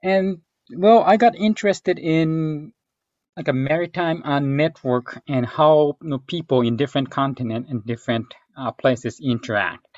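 A man's voice: a little high, normal speed, a little mellow, no echo, dull audio. A man from Japan, a researcher answering interview questions in a hesitant, thinking-aloud way with many fillers. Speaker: guest researcher.

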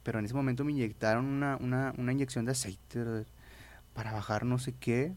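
This Mexican-accented young man is a guest sharing his faith testimony in a loose, casual way, with many restarts and frequent use of "brother". He speaks fairly quickly, with a medium pitch, fairly even intonation, and a darkish tone.

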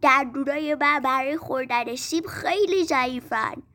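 A woman voicing a needy boy who grows into a tired old man, in a storybook reading, in a plain, slightly lowered voice. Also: pushed and bright. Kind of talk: storybook narration.

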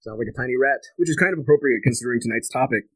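A man's voice: mid-range voice, very fast, no echo, poor audio. A young man hosting a casual podcast, joking and playful with teasing wordplay. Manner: playful, jokey, alliterative wordplay. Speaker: podcast host.

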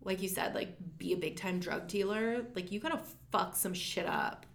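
A woman's voice: fairly low pitch, normal speed, creaky. A woman co-hosting a podcast in casual chat. She is chatty, fills her talk with "like", and swears freely. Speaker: podcast co-host.

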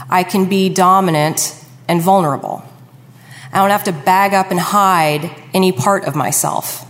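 A woman in her forties with a lowish voice, telling a frank personal story with confidence. Her voice rings with long hall reverb. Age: 40s. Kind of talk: personal story told on stage.

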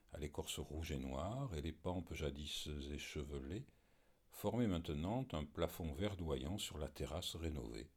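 Male audiobook narrator, measured and steady; deep, husky tone. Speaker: audiobook reader and podcast host. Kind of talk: scripted narration of a novel.

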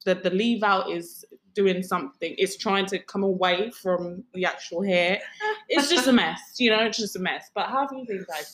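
A hungover woman co-hosts a podcast, rambling playfully and breaking into giggles. Her chat is loose and casual, and her pitch sits in an ordinary middle range. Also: normal speed, a bit bright. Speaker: podcast co-host.

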